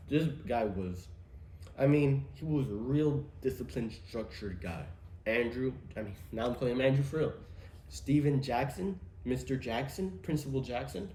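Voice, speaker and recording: Brief: young male podcast host, dark mellow tone, loose profane rambling, echoey room. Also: mid-range voice, slight background noise. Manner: rambling, profane, conspiratorial asides. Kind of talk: solo casual podcast monologue. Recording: roomy echo, faint ambience.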